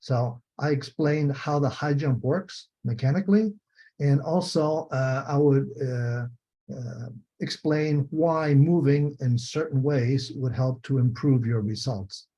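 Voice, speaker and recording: Speaking slowly in a mellow, mid-range voice, this retired biomechanics professor from Spain gives an explanatory lecture by video call. His Spanish accent comes through as he goes back over key points and rephrases them methodically, over dull, muffled audio.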